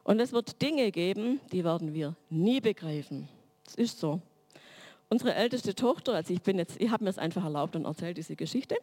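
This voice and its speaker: A woman's voice: lowish voice, lively intonation, a little fast, warm tone. A middle-aged woman giving a sermon-like teaching talk in a reflective way, building her points through long spoken lists. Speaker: church speaker.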